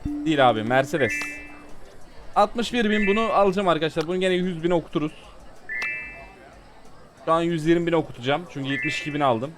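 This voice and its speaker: A man's voice: a little high, lively intonation, a little fast, long pauses, over music. A man giving casual let's-play commentary, talking to his viewers and growing exasperated with the game. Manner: exasperated, chatty, talks to viewers. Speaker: gaming YouTuber.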